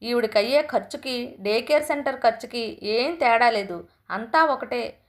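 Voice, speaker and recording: A woman's voice: a little high, unhurried, lightly acted. A woman voicing an indignant young mother who sharply scolds her mother-in-law in a storybook reading. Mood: accusing.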